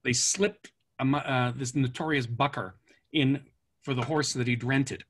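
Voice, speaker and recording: A man with a husky, slightly rough voice spins long, rambling anecdotes as an interview guest. He pauses often with "uh" and "um" and restarts his sentences, but keeps a relaxed storytelling flow at an ordinary pitch. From born in France, raised in Canada. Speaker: author guest.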